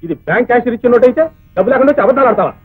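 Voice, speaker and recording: An actor playing an irritable man at a hotel counter who scolds a boy in a curt, rapid manner. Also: extremely high pitch, expressive, husky, no room sound, exaggerated voice. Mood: scolding. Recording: tinny lo-fi old film soundtrack.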